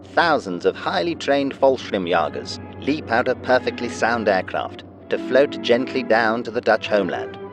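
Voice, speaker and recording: A man's voice: mid-range voice, lively intonation, moderate pace, hardly any pauses. A man reading scripted wartime newsreel narration in a dramatic, declarative way. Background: music under the narration.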